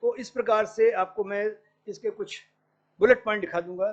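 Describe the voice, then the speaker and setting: Middle-aged guy teaching a class, fairly high voice, dull muffled recording. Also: steady tone, moderate pace. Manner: explains patiently, quotes Sanskrit verses, mixes in English words. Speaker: professor lecturing on astrology. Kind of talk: academic lecture.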